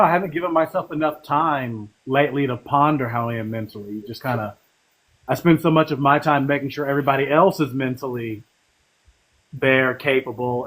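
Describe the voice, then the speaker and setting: A man co-hosting a casual podcast chat, rambling and self-deprecating, often halting on fillers. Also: medium pitch, fairly bright tone. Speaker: podcast co-host.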